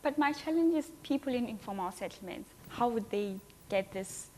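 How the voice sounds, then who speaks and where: A woman's voice: on the high side, expressive, normal speed, warm tone, a little hiss or hum. A woman hosting a studio talk show, asking questions and reacting eagerly.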